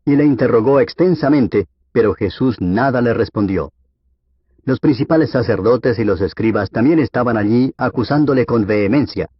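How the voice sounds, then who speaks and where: A man reading scripture aloud for an audiobook in a steady, measured way. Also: mid-range voice, slightly rough, no room sound. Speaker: Bible reader. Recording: dull, lo-fi dry recording.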